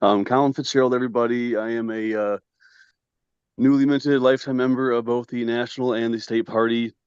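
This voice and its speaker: A man's voice: medium pitch, flat delivery, brisk, darkish tone, clean tone, no echo, muffled recording. A man giving public comment over a video call in an earnest way. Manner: flustered at first, then earnest.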